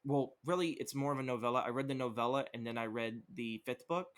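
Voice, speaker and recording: A young podcast co-host rambles casually about what he's been reading, talking fast at a medium pitch. He uses lots of fillers and swears freely.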